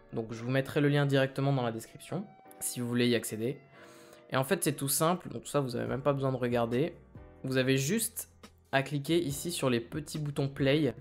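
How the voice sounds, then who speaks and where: A man walking viewers through a software tutorial, step by step, with a reassuring, friendly manner. His pitch sits in the middle range, and faint music plays underneath. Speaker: tech tutorial host. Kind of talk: screen-recorded tutorial.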